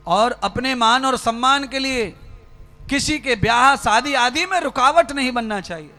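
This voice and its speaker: This spiritual preacher has an extremely high, bright, forceful voice and speaks a little slowly, with faint music in the background. He exhorts his listeners directly, using rhythmic, repeated phrases.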